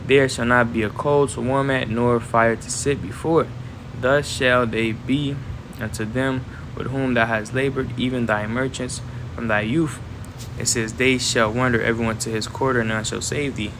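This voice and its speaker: A man giving casual Bible commentary, reading verses slowly and tagging his lines with "man" and "right". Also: mid-range voice, fairly even intonation, background noise. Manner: reads verses aloud in a slow deliberate cadence. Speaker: scripture teacher.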